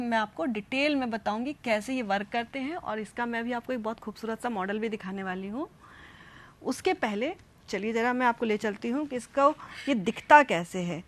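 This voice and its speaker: A woman teaching a school science lesson, speaking straight to children and repeating each step as she demonstrates. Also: fairly high pitch.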